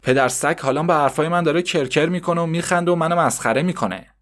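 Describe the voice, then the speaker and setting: A man voicing a short-tempered, sharp-tongued mother who nags and curses at her son. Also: fairly high pitch, natural voice. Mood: furious. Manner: cursing, nagging, sharp-tongued. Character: scolding, short-tempered poor woman, mother.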